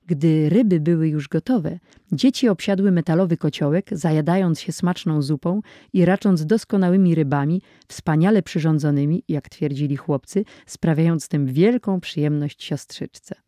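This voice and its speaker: A narrator reading an adventure story aloud in a measured, even audiobook style. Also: mid-range voice, no room sound, studio quality.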